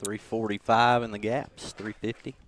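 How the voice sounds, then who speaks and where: A man chats as color commentator on a baseball game, offering opinions in a relaxed, talkative way. His voice sits on the low side. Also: moderate pace, slight background noise. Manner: chatty, offers opinions on the ballpark.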